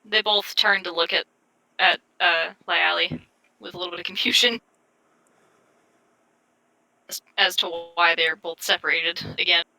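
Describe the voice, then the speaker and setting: A woman talks as a player in a tabletop role-playing game. Her voice sits a little low but is very bright and sharp. Her delivery is casual, informal and sweary. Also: steady tone, measured pace, vocal fry, pauses often, rough recording. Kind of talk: casual role-play chat.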